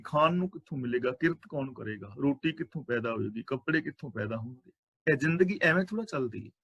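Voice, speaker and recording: A man with a Punjabi accent explaining scripture line by line, reciting verses slowly and then explaining them in plain words. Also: medium pitch, fairly bright tone, dry recording. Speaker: Sikh scripture teacher. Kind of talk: scripture exposition.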